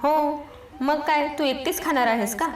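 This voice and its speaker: A woman's voice: sits high, a little slow, distant mic, pitched above the performer's own voice. Woman doing a cheeky joking young man. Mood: teasing. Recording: roomy echo with faint music behind.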